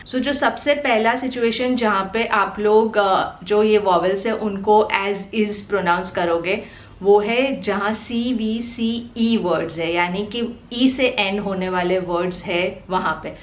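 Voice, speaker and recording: Indian woman, phonics lesson host, patient step-by-step explaining, medium pitch, echoey room. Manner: patient, explains step by step and sounds out letters slowly. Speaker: parenting channel host teaching phonics. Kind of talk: explanatory home teaching video.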